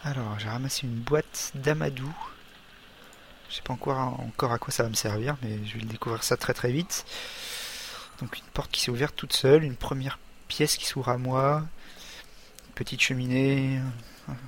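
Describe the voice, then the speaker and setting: Casting: man, mid-pitched voice, halting let's-play commentator, faint hiss behind. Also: fairly even intonation, a bit bright. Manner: hesitant, halting, many fillers and restarts. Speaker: gamer.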